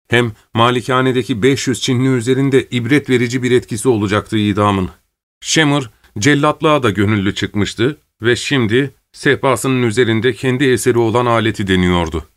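A man reads a story aloud as an audiobook narrator. His delivery is steady and measured, with a mid-pitched voice. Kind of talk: audiobook reading.

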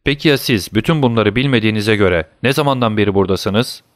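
A man's voice: fairly low pitch, no room sound, clean studio sound, close to an everyday voice. A man voicing a wary old prisoner behind a wall. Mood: questioning. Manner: terse, questioning, hurried. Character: old male prisoner, muffled voice through a wall, cautious.

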